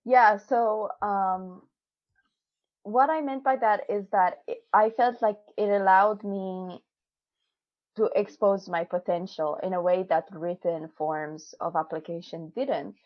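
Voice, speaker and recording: On a dull, dry video call, a woman in her twenties speaks slowly in a mid-range voice with fairly even intonation. A PhD student and non-native English speaker, she's a chatty interviewee who laughs often and relies on fillers and restarts.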